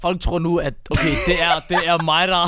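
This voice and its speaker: A man's voice: on the high side, fairly even intonation, pushed and bright, no room sound, studio quality. A man co-hosting a podcast, hesitant and restarting his sentences often. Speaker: podcast co-host. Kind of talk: casual banter with slang.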